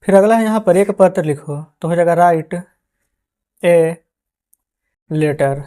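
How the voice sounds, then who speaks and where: A man teaching English as an online tutor, who spells out words letter by letter, calls his listeners friends again and again and slows down while dictating answers. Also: high-pitched, dark tone. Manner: calls listeners "friends" in nearly every line.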